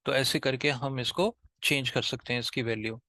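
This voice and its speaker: A man with an Indian accent tutors programming in an informal, step-by-step way, repeating himself haltingly and mixing in English technical terms. His voice is medium-pitched, with a steady, sharp tone, and there's no room sound.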